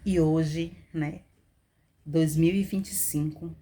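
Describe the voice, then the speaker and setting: Woman, emotional personal testimony, lively storytelling voice. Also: low-pitched, slow, slightly rough. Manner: emotional, animated storytelling with acted quotes. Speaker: mother telling her testimony.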